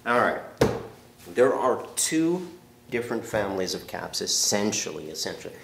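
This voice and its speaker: In a fairly low, gravelly voice at a moderate pace, a man congested from allergies gives casual product talk about caps, trying each on as he chats animatedly. The counter camera catches him moving in and out of frame, and the big wooden-shelved shop adds echo and a faint hum.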